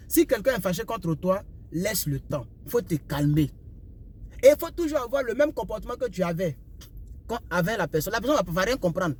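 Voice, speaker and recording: A man's voice: high voice, darkish tone. A young man from Ivory Coast with an Ivorian French accent, giving repetitive, preachy life advice in a casual talk while driving his car. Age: young adult. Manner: repetitive, preachy, asks "vous comprenez un peu?". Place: inside a car on the road. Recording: faint road and car noise.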